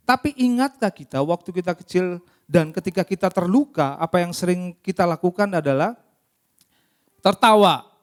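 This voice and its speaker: A male pastor preaching a lively, interactive sermon, often putting questions to the congregation. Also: sits high. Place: church service.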